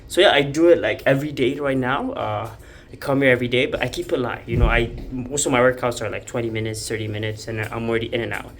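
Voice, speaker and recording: A man's voice: medium pitch, steady tone, fast, a little hiss or hum. A man in his twenties, from Ethiopia, talking casually to camera in a vlog and rambling with lots of fillers and restarts as he moves around the city. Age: 20s. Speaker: startup founder vlogger. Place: New York City, walking around and at the gym. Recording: background music under voice.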